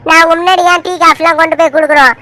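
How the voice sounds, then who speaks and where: A woman's voice: very high-pitched, fairly even intonation, racing, pushed and bright, no room sound. A woman voicing an upset young woman who pleads and complains, in a scripted family drama. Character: young woman, tearful and upset, facing an arranged match.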